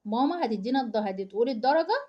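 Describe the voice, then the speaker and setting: A woman's voice: on the high side, animated, very fast, noisy background. A woman with an Egyptian Arabic accent, teaching a reading lesson to young children, who asks questions and answers them herself as she explains each word. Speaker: primary school Arabic teacher. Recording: dull lo-fi sound.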